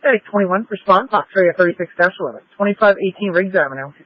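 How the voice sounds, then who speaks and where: A man's voice: high-pitched, expressive, very fast, no echo, dull audio. A man reading out emergency dispatches over a two-way radio. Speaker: fire dispatcher.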